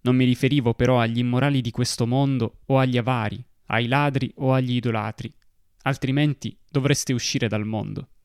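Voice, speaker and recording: A man giving a slow, solemn devotional reading. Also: mid-range voice, steady tone, clean tone, dry recording, clean studio sound.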